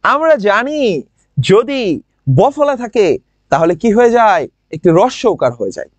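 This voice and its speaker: Bangladeshi guy teaching grammar, high lively voice, repeats words slow, dry close mic. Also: no room sound. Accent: Bangladeshi Bangla with a regional lilt. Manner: drills words by repeating them slowly, asks students questions. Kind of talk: online admission-prep class.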